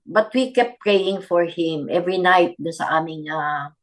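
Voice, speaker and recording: A woman's voice: fairly low pitch, measured pace. Older woman telling a heartfelt story. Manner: earnest storytelling, mixing Tagalog and English. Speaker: guest grandmother. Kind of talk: personal testimony in a radio interview.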